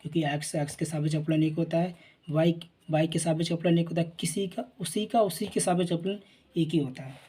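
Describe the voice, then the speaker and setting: A male teacher walks through a math lesson in a husky, slightly breathy voice. His tone is mellow and dark, and he keeps checking in with listeners as he works. He asks himself questions and answers them in a patient, repetitive rhythm. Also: on the high side, fairly even intonation, a little fast. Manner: repeats "theek hai na", asks and answers his own questions. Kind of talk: explaining at a board.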